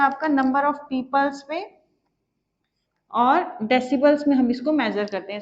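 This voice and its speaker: Indian woman teacher, high voice, methodical lecture, answers her own questions, drops in English terms. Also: lo-fi sound. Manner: explains step by step, asks questions and answers them herself; mixes English terms into Hindi. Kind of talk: online exam-prep lecture.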